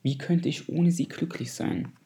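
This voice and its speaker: A man's voice: fairly high pitch, a little slow, warm tone, voice pushed up, close to an everyday voice. A man voicing a vain, proud male fish in a storybook reading, speaking in a haughty, dismissive way. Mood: plaintive.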